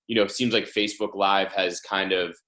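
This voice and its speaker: A man hosts a podcast interview and asks loose, roundabout questions that restart as he goes. His voice sits fairly low. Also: steady tone, fairly quick, sharp tone. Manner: asks long, rambling questions, full of restarts. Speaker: podcast host. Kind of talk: interviewing a guest.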